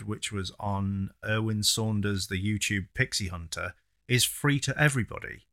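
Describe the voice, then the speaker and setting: Deep-voiced, bright man. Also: gravelly. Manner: chatty, teasing, trails off with fillers. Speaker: podcast co-host. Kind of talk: casual chat.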